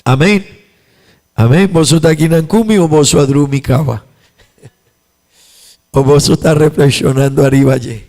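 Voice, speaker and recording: A man's voice: on the high side, measured pace, pauses often, darkish tone. A man with an Aruban accent, a pastor preaching a sermon in a church, repeating his points with emphasis and rising in volume on key lines. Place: church sanctuary.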